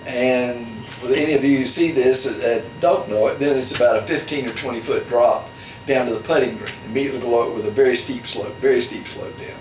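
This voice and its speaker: An older man reminiscing casually over low-quality stream audio. He rambles a little, restarts sentences and adds dry asides. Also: a little fast, a little mellow, faint music behind. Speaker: family storyteller. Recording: distant, echoey room, faint background noise.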